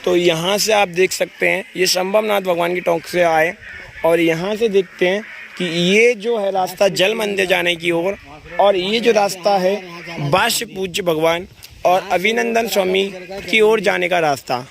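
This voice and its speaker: Outdoors on a mountain trail, a man narrates a devotional pilgrimage vlog and leads call-and-response chants with a crowd of pilgrims around him. His voice sits high and creaky, with fairly even intonation and an unhurried pace.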